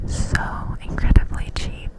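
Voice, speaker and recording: A person telling a casual story in an ASMR ramble, in a close-up cupped-hand whisper right at the mic. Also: slow pace. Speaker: ASMR creator.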